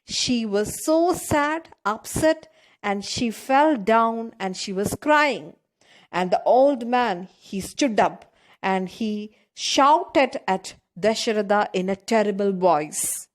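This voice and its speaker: A woman's voice: mid-range voice, animated, slow. A woman teacher retelling a story to students, repeating and paraphrasing each line and checking in with "isn't it?".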